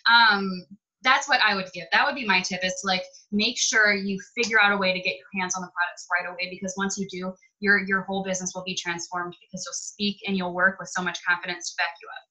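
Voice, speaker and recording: A woman's voice: medium pitch, fairly even intonation, quick pace, bright, forceful tone, poor audio. A woman on a video call telling her own story, rambling and heartfelt. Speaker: guest on a team video call. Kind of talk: personal testimony.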